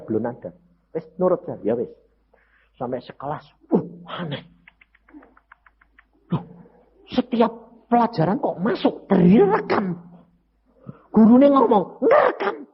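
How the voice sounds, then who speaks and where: A man's voice: a little high, slightly rough. An older man giving a testimony sermon, talking straight to the congregation and slipping in words. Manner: animated, addresses congregation as brothers and sisters, mixes in Javanese words. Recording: dull lo-fi recording.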